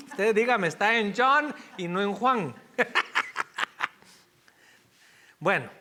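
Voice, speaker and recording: Slow, bright-voiced preaching man. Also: sits high. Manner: conversational preaching, asides and self-corrections. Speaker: pastor. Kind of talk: sermon.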